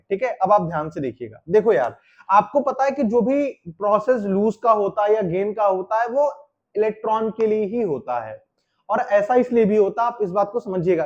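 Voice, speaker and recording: Guy teaching chem, fairly high voice, keeps asking then answering himself, kinda muffled audio. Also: darkish tone. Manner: explains step by step, asks and answers his own questions. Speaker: chemistry teacher. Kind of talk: classroom lecture.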